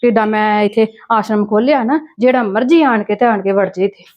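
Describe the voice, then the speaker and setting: A woman with a Punjabi accent playing a sharp-tongued, scheming housewife in a family drama. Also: mid-range voice, a little fast, dull audio. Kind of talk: village family drama acting.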